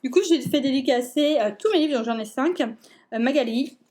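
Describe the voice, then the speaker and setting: A young woman with a notably high voice talks to her viewers in a loose, excited way. She keeps tripping over fillers and restarting her sentences as she gushes. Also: moderate pace. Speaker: book vlogger. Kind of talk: casual chat.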